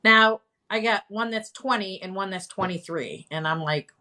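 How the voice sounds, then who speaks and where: A woman in her fifties chatting casually on a live stream, animated and candid, with self-deprecating humor. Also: medium pitch, moderate pace, a little hiss or hum. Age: 50s. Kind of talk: casual chat.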